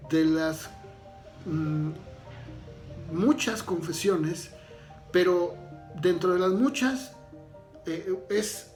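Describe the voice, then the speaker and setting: A man pastor talks through a sermon in an easy, searching way, pausing on fillers and restarting phrases. His voice sits a little high. The room gives it a noticeable echo, with faint music behind. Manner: unhurried, thinks aloud with fillers and restarts. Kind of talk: conversational sermon.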